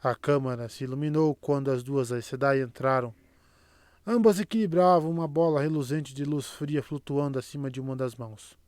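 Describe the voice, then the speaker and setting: A man narrating a fantasy audiobook in a steady, even storytelling manner. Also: medium pitch, moderate pace, no echo. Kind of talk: scripted narration.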